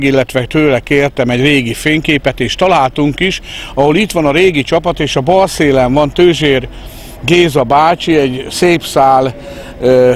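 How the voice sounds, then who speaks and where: Middle-aged man, halting, faint outdoor noise. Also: on the high side. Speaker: fan club organiser, interviewee. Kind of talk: interview talk. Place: outdoors in a park. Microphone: handheld reporter microphone.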